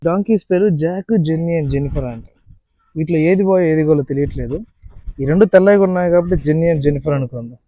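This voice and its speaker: A man's voice: a little high, fast, no echo, highs cut off. A man vlogging casually at an outdoor animal park, chatting playfully to the animals. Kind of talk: casual vlog narration.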